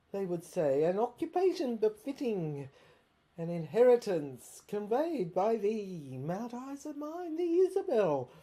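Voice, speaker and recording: Here the woman's warm voice rides on the high side as she performs the monologue of an obsessive, haunted inventor confined by soldiers. Her delivery is theatrical, halting and rambling with repeated words, yet the mood turns impish and exalted.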